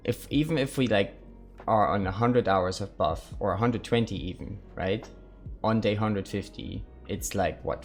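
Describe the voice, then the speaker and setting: A man live-streaming a survival game, thinking aloud and chatting casually with his viewers. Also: mid-range voice.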